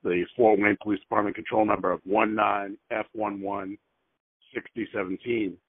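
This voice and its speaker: A man making a phone call and leaving a voicemail, heard over a landline phone line. He speaks carefully and hesitantly, with frequent fillers, and repeats details and numbers slowly. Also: fairly low pitch, level tone, slightly rough, no echo. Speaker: caller. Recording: tinny, dry phone line.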